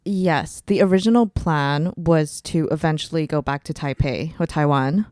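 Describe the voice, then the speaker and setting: Young woman from Singapore, podcast guest; chatty storyteller, smooth voice, dry close recording. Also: sits low, normal speed, a little mellow, dry recording. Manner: chatty storytelling with frequent light laughs. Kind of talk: casual interview.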